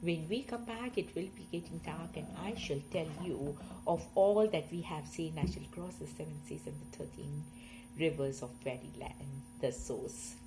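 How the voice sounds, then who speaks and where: A woman reciting poems aloud in a slow, expressive reading that swells in loudness. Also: sits low, background noise. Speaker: poetry reader. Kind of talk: poetry recitation.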